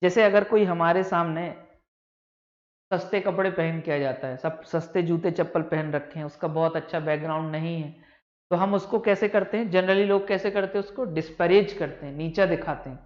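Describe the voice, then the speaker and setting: A man's voice: fairly high pitch, moderate pace. A male teacher gives a vocabulary lecture, explaining each word patiently and repeating the key terms. He speaks in a roomy, echoey space. The sound is dull and lo-fi. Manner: patient explaining, repeats key words, calls students "beta". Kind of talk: vocabulary lecture for exam students.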